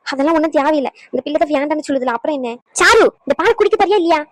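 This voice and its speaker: A woman's voice: high voice, steady tone, rapid-fire, mellow, no room sound, lightly acted. A woman voicing a remorseful old grandmother in a cartoon, pleading through tears and then scolding. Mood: insistent. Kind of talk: cartoon voice acting.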